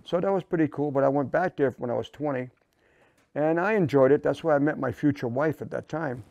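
A man's voice: a little high, fairly quick, darkish tone, no room sound, highs cut off. Older man telling rambling folksy stories. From Canada, raised in Massachusetts. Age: 70s. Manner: rambling, folksy anecdotes with restarts. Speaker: interview guest. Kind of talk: casual storytelling interview. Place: indoor studio set, seated.

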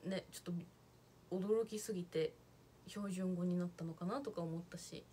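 A woman's voice: lowish voice, fairly even intonation, normal speed, dark tone, a little hiss or hum. A young woman chatting casually on a livestream, reading out viewer comments and thanking them as she goes. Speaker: idol livestreamer.

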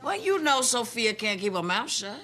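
An actress playing a blunt, brash, wisecracking woman with a deadpan manner in a sitcom. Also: fairly high pitch, moderate pace, a crowd in the background. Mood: gossipy. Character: blunt, brash, hungover hotel-owning woman. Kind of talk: multi-camera sitcom acting. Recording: noisy TV soundtrack with loud studio audience.

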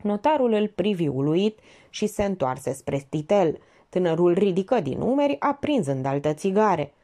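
A woman reading an audiobook aloud in an expressive, dramatic way. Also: lowish voice. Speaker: audiobook reader. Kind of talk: audiobook narration.

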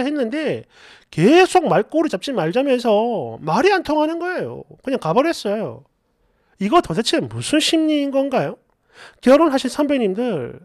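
A woman narrating online posts as a story, animated and acting out the quoted lines. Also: a little high, dry recording, studio quality.

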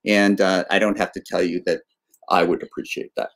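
A man in his sixties hosting a casual video-call interview, talking haltingly with many fillers and restarts. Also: low-pitched, flat delivery. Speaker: interview host. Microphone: webcam on video call.

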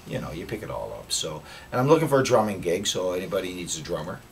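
Low-voiced Dutch-born man, rambling. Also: fast. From Netherlands. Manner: rambling, animated, repeats phrases. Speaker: musician guest. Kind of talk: casual interview chat. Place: basement utility room. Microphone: camera mic from a few feet away. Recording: distant camera mic, faint room hiss.

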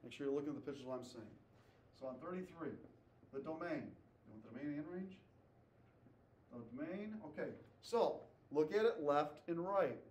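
A man's voice: fairly high pitch, lively intonation, normal speed, darkish tone, a little hiss or hum. A man teaching a math class, asking students questions, repeating their answers and tagging "okay?" after his points. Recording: echoey classroom, voice from far off.

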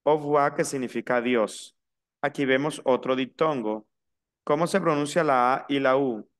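Smooth-voiced man teaching a class. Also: medium pitch. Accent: Latin American Spanish. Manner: slow, spelled-out pronunciation drills. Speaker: French teacher. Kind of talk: online language lesson.

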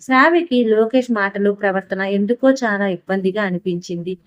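A woman's voice: mid-range voice, moderate pace, dry recording, muffled recording. Woman reading an audiobook story. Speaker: audiobook narrator. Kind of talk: scripted story narration.

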